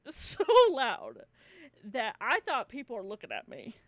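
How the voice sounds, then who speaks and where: Woman podcast host, super animated, laughs constantly, swears a lot, dry close sound. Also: a little high, measured pace, no room sound. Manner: laughs often, swears freely, animated storytelling. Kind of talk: casual chat.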